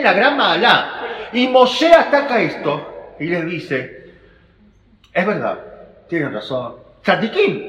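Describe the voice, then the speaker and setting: A man's voice: sits high, a bit bright. A man with an Argentine Spanish accent giving a Torah class, talking animatedly and conversationally, dropping Hebrew terms and stretching words for emphasis. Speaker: rabbi teaching Torah. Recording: echoey hall with faint ambience.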